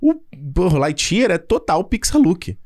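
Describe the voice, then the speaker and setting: A man chatting casually about films, animated and loose, swearing freely and restarting his sentences. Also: sits high, slow. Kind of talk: casual film discussion.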